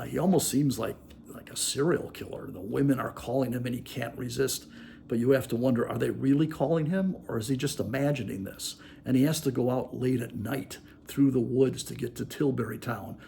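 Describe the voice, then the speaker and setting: A man casually talking about poems in a reflective, musing way with fillers, then reading verse aloud slowly and deliberately. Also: mid-range voice, creaky, mellow, slight background noise. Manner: slow, measured reciting of verse. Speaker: poetry reader and commentator. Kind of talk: casual commentary with poetry readings.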